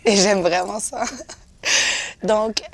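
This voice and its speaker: A woman hosting a casual interview, chatty and quick to laugh, slipping English phrases into her talk. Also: mid-range voice, steady tone, gravelly, slight background noise. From Congo (Kinshasa), raised in Montreal. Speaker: host.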